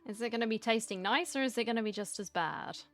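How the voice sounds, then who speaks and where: A woman's voice: on the high side, fast talker, soft background music. A woman streamer giving playful, chatty commentary while playing a story game, reacting aloud and reading lines along. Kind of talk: casual gaming commentary.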